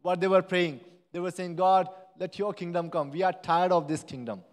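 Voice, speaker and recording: A man's voice: high-pitched, steady tone, normal speed. A man with an Indian English accent, a pastor leading prayer and preaching in an earnest, repetitive way. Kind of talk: sermon with prayer. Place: church hall. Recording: church hall with long reverb.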